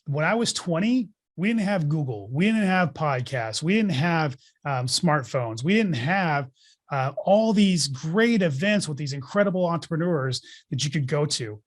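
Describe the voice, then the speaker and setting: A real estate investor in his forties, guesting on a podcast interview, dishes out motivational advice bluntly and emphatically, swearing casually along the way. His voice is a little high, animated and moderately paced.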